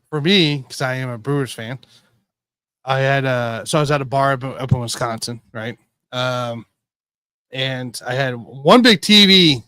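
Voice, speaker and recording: A man hosting a casual sports betting show, rambling and correcting himself as he tells excitable stories. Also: medium pitch, dry recording, clean studio sound. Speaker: podcast host.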